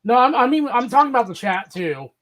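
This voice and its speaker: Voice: mid-range voice, lively intonation, fast talker, a bit bright, a little hiss or hum. A guest on a casual podcast chat who teases dryly and works through a list of notes. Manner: dry teasing, organized with a list of notes.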